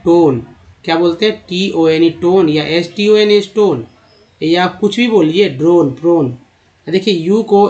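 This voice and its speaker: Man, English reading lesson, spells words out letter by letter, somewhat high voice. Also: dull audio. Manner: addresses viewers as friends, spells words letter by letter, halting with fillers. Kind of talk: explanatory lesson.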